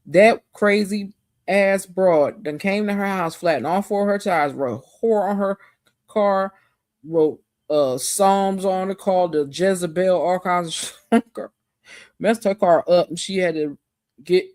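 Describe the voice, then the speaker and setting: Animated woman recapping a show. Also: lowish voice, measured pace, dry recording, studio quality. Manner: animated, slangy storytelling. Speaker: TV show reviewer. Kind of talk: casual episode recap.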